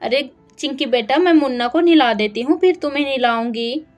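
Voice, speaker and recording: This is a busy, caring village mother, as a woman voices her for a doll story. She talks in a coaxing, motherly way in a high, light voice, with soft music behind. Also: moderate pace, natural voice. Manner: coaxing and motherly, fond pet names.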